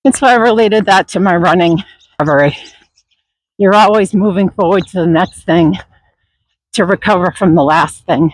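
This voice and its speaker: A runner talking while out running, reflecting in a motivational vlog in short, broken, unscripted phrases with pauses. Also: mid-range voice, no room sound, poor audio. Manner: reflective, halting, unscripted delivery. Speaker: runner vlogging.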